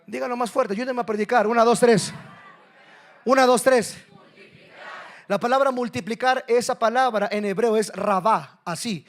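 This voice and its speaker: Man, pastor, sermon, high-pitched voice, loud calls and hushed asides. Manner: dynamic preaching, swings between loud calls and hushed asides.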